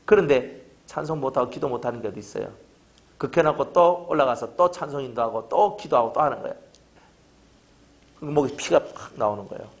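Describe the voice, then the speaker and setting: Fervent preacher with a lively voice. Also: male voice, mid-range voice, fairly quick. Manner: fervent, hammering rhetorical questions. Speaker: pastor. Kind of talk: sermon.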